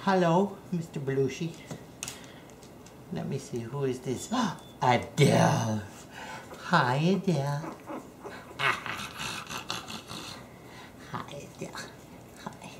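A woman's voice: extremely low pitch, expressive, slow pace, gravelly, long pauses. A woman talking sing-song baby talk to her puppies at home, greeting each one by name as she films. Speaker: dog breeder filming her puppies. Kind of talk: cooing at puppies, casual home video. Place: indoors at home by a puppy pen. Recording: roomy room, faint background hiss.

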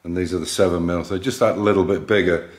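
A man in his sixties narrates metal fabrication steps as he works on a classic car in a large indoor workshop, thinking aloud with plain fillers. He's a fast talker with a low-pitched voice and fairly even intonation, and the room sounds echoey.

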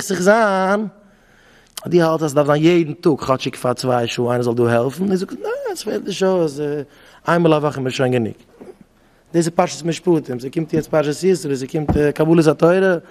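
A fairly high-voiced man gives an informal lecture as a rabbi teaching young married men. He keeps pressing his listeners with rhetorical questions and hammers his points home by saying phrases again and again. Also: animated, normal speed, a little mellow. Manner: fires repeated rhetorical questions; repeats phrases for emphasis.

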